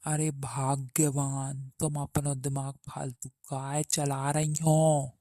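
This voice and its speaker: Cartoon role: slow low-voiced old father-in-law, patient and soothing, played by a woman. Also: dry recording. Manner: calming, patient, rustic speech. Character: calm older father-in-law, the husband.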